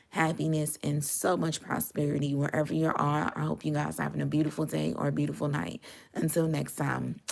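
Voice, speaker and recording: A woman giving a casual tarot reading to her viewers, her voice raspy and hoarse from a dry throat, chatty and often checking in with the listener. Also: low voice, darkish tone. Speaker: tarot reader.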